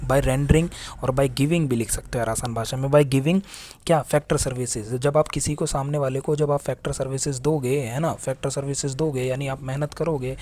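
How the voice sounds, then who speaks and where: A man's voice: medium pitch, steady tone, moderate pace, a little mellow. A young man teaching economics in a casual classroom lecture, writing on a board as he talks, asking questions and answering them himself in a chatty way. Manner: chatty, asks and answers his own questions, voices imagined students.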